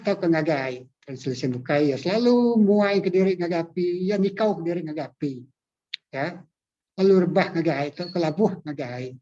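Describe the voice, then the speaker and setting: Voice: medium pitch, a little mellow, muffled recording. A pastor, teaching a Bible class over a call, repeating key phrases and checking that listeners follow.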